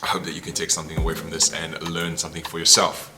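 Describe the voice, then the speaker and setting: A New Zealand man with a very deep voice speaks quickly in a completely flat delivery, over loud background music that makes the recording noisy. A travel content creator, he tells his life story to camera in a reflective, candid, loose and conversational way.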